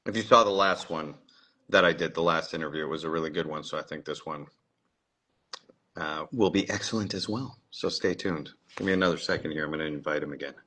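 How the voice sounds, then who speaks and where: A livestream host with a very deep, sharp-toned voice talks fairly quickly in a casual interview. He's chatty, uses lots of fillers, and often repeats his words.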